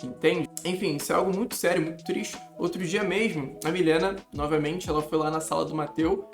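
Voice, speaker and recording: A young man talking casually to camera as a study coach, animated and emphatic, often calling the viewer "cara". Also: on the high side, fairly quick, soft background music.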